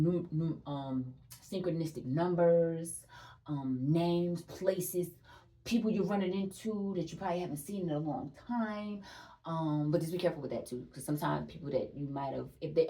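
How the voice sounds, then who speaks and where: This is a young woman talking through a spiritual energy reading in a chatty, emphatic way, repeating herself for stress and swearing freely. Her voice sits slightly low with a mellow, dark tone. She is heard a little away from the microphone. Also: distant mic. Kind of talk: casual tarot-style energy reading.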